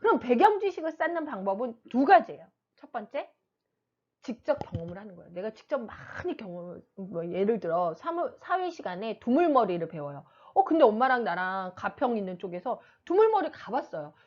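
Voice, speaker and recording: A middle-aged woman teacher giving parents casual advice, animated and acting out kids and mothers in quick asides. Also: on the high side, muffled recording. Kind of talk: casual explanatory talk to parents.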